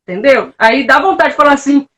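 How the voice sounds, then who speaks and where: A woman's voice: high-pitched, a little fast. A woman with a Brazilian accent, a guest in a casual live-stream chat, telling her stories frankly and expressively. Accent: Brazilian Portuguese. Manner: candid, expressive storyteller.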